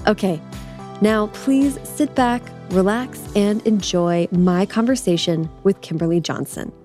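A woman hosts a podcast interview over a video call, chatting in a friendly way and laughing easily. Music plays clearly beneath her voice. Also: medium pitch, a little slow, a little mellow. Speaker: podcast host.

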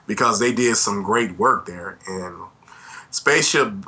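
A man's voice: lowish voice, a little slow, sharp tone. A middle-aged man co-hosting a podcast, reminiscing casually in a rambling, self-deprecating way full of little asides. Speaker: podcast co-host.

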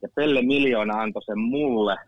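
A man's voice: mid-range voice, slight background noise. A man in his fifties telling stories as a guest in casual chat, rambling, repeating words and swearing casually. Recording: dull lo-fi sound.

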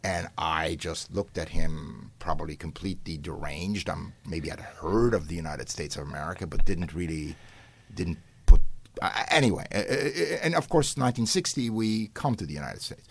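Low, creaky and slightly rough, the voice of this Hungarian-born older professor moves at a moderate pace yet stays animated. As an interview guest he rambles through lengthy stories with lots of fillers and restarts, with periodic surges of energy.

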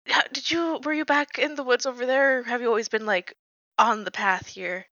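A woman's voice: on the high side, fairly even intonation, brisk, sharp tone, dry recording. A woman playing a tabletop game with casual, playful in-character banter, on slightly lo-fi audio.

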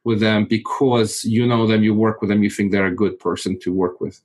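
A Moldovan man in his forties, a native Russian speaker, calmly discusses his real estate investing in a casual interview. His voice is on the low side and a little fast, and he often repeats words while searching for the right one.

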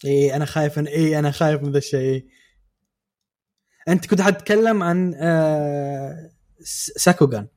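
A man's voice: fairly high pitch, a little fast, pauses often, dark tone. A man giving his frank, opinionated take in a casual anime podcast chat. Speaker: podcast co-host.

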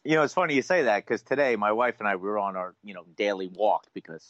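A man co-hosting a podcast, chatting casually in an animated, filler-heavy, self-deprecating way. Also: lowish voice, fast, a little hiss or hum. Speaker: podcast co-host. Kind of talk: casual chat. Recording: dull dry lo-fi audio.

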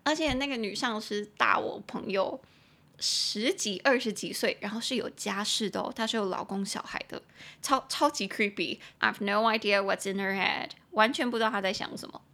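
A woman from Taiwan hosting a bilingual English lesson podcast, chatting casually and slowing down to spell and repeat English words. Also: medium pitch, vocal fry, pushed and bright. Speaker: podcast host teaching English.

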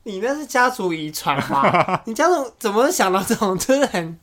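A man's voice: high-pitched, big pitch swings, normal speed, fairly bright tone. A man co-hosting a casual chat show, talking in a blunt, teasing way. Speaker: podcast co-host.

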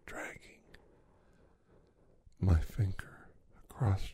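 A man doing an ASMR hand massage role-play, speaking softly and sultrily and often slipping into a whisper. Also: deep voice, extremely slow. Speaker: ASMR creator.

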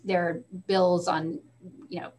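A middle-aged woman, a school librarian guest telling stories in a casual interview, animated, with quick asides. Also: on the low side, a little hiss or hum. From Texas. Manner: animated storyteller, quick asides, frequent laughs.

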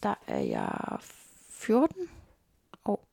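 Interviewee: young adult woman, very gravelly voice, dry close recording, earnest and hesitant. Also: medium pitch, wildly swooping pitch, mellow, no echo. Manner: earnest, halting retelling. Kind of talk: personal life story interview. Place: indoors at grandparents' home.

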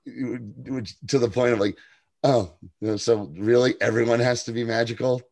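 A man's voice: medium pitch, fairly even intonation, normal speed, gravelly, darkish tone, dry recording. Rambling, profane male podcast host. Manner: rambling, profane, laughing asides. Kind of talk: casual TV recap chat.

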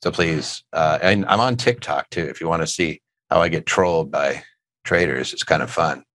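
A man's voice: extremely low pitch, normal speed, fairly bright tone, no echo. A middle-aged man hosting a casual tax question show, answering listener questions and cracking dad jokes. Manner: joking, rambling, dad-humor asides.

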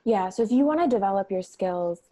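Woman guest on a podcast, chatty and animated, lots of "like", dry close mic. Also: medium pitch, fairly quick, no room sound. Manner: animated storyteller, laughs easily, says "like" a lot. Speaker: guest, messaging strategist. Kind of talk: casual interview chat.

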